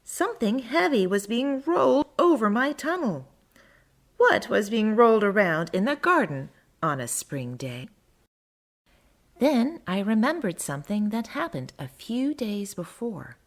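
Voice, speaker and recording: A friendly little garden mole tells a storybook tale in first person, as a woman reads it aloud. The voice swoops and lifts with lots of melody. The storytelling stays slow and unhurried, earnest and curious. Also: fairly high pitch, full character voice. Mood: earnest wonder. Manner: expressive, sing-song storytelling. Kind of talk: children's storybook reading.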